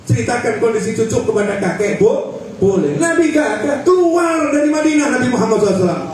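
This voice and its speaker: A man preaching to a crowd with a high, lively voice, swinging from loud urging to low stretched words. He repeats phrases in rhythmic runs. The sound is heavily echoey and from far off, with faint background noise. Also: fast talker. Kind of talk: Ramadan sermon to a crowd.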